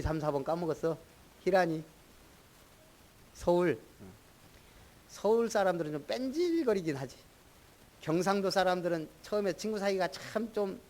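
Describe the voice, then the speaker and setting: Pastor, middle-aged man, higher-pitched voice, chatty sermon delivery that quizzes the congregation by name. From Jeolla, Korea.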